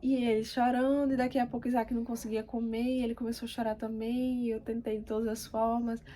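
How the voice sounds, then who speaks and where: A woman, speaking gently and hesitantly, with many pauses, as a mother sharing her story. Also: on the high side, level tone. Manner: soft-spoken, hesitant, many pauses and fillers. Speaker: mother vlogger. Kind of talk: casual personal talk to camera. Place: quiet home room.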